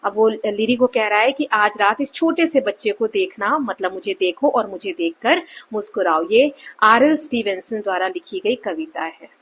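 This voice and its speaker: A woman explaining a textbook lesson as a teacher, with an Indian accent. She goes slowly line by line and keeps checking in with her students. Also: mid-range voice, expressive, a bit bright, slightly rough. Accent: Indian English.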